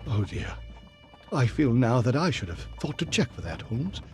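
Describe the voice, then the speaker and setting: An actor playing an earnest, loyal Victorian doctor in an audio drama, genteel and expressive in his speech. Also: mid-range voice, normal speed, faint music behind, lightly acted. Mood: rueful.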